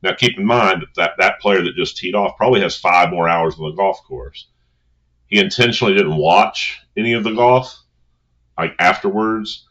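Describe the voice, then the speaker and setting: A man's voice: sits low, normal speed, fairly bright tone. A man speaking as a coach, giving an informal motivational talk in an earnest, conversational manner on a dull recording.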